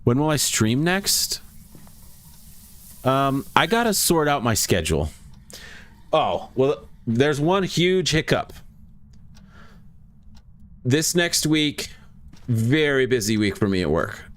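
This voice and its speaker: A man's voice: medium pitch, big pitch swings, takes it slowly, pauses often. A young adult man casually chatting with viewers while playing a ghost-hunting game, rambling between gameplay notes. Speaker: streamer. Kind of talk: casual gaming commentary.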